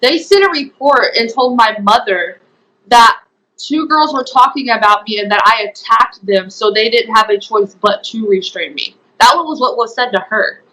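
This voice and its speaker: A woman's voice: on the high side, normal speed, sharp tone, low-quality recording. Earnest young woman recounting testimony. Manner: earnest, rambling retelling with many fillers. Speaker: guest, former program resident. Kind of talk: personal testimony.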